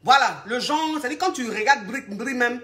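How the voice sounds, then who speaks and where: Woman, relationship coach, casual live talk, bright forceful voice, rambling, talks straight to viewers. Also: a little high, animated. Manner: rambling, halting, searching aloud for words; addresses the audience directly and familiarly.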